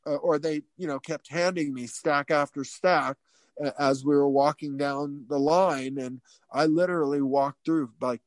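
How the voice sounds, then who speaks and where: A man as an interview guest telling a story casually, animated and profane, with many fillers and restarts. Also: fairly high pitch, unhurried, no room sound.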